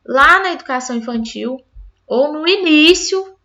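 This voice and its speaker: Woman teacher walking other teachers through a lesson activity, high bright voice, keeps checking in w/ them. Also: expressive, moderate pace. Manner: explanatory, addresses listeners as "gente" with frequent "tá?". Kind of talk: explaining a literacy activity to teachers.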